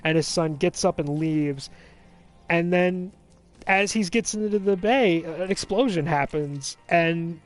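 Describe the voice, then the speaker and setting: High-voiced man rambling through a film recap. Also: slow. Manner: rambling, filler-heavy, animated storytelling. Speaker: let's play host. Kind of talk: casual chat recapping a film.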